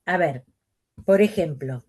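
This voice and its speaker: A woman teacher with a Rioplatense Spanish accent, lecturing a class and leaning on pauses and stress to explain. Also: lowish voice, lively intonation, darkish tone, slightly rough.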